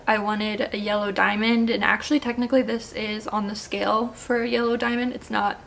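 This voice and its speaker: A young woman in her twenties chatting casually to her vlog audience, emotional and teary, gushing with excitement and sniffling from crying. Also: on the high side, creaky. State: tearful, sniffly. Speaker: vlogger. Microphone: camera mic with ring light.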